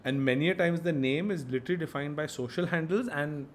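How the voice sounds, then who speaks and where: A man hosting a casual interview, slipping between English and Hindi. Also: fast talker. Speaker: podcast host. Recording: clear low rumbling background noise.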